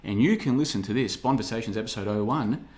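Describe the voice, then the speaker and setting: A man in his thirties hosts a podcast, reading the live chat in a casual, rambling, sarcastic monologue and slipping into mocking voices. He talks fast, with a lowish, darkish voice.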